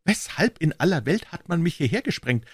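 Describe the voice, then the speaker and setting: A man's voice: fairly high pitch, big pitch swings, brisk, husky, dry recording, studio quality, voice pushed up. A man voicing a frantic, bewildered young clerk who keeps exclaiming in a raised voice. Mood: agitated. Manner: agitated, exclaiming.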